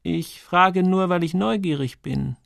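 A man voicing a curious, teasing grown woman with a light, unhurried way of talking, in an audiobook. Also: high voice, gravelly, fairly bright tone, no echo, clean studio sound, pitched above the performer's own voice, full character voice.

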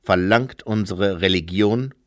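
A man playing a cold, suspicious official from a storybook, sharp-voiced and clipped. He speaks slowly and flatly, as if reading from a list. The sound is dry. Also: lowish voice, no echo, close to an everyday voice. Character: cold, suspicious gray-suited male official.

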